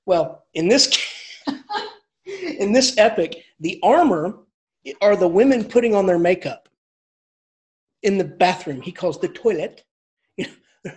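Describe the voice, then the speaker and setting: Delivering an English lecture, a man keeps an informal, animated tone, restarting sentences and chuckling his way through asides. His voice sits high, and he moves at a measured pace.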